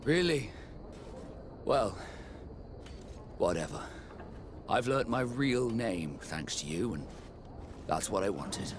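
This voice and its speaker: Game captain role: earnest, guarded sailor, very varied intonation, noisy ambient backdrop. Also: male voice, fairly low pitch, expressive, slow pace, pauses often. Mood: moved, reflective. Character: naval captain, Vasco, earnest man seeking his origins. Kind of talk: video game cutscene acting.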